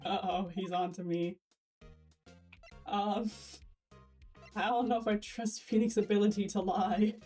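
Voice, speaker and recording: Woman streamer narrating a game, chatty and wry, mellow tone. Slightly distant mic, faint game music behind. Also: mid-range voice, steady tone, unhurried, long pauses. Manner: chatty, wry asides with restarts. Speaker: co-host streamer. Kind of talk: let's-play commentary, reading game text aloud.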